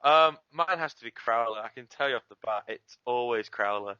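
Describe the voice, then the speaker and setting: A bright, forward man chats about writing his abridged series, quick and self-deprecating. The audio is dull and lo-fi, and dry with no room around it. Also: medium pitch, smooth, no room sound. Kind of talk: casual interview chat.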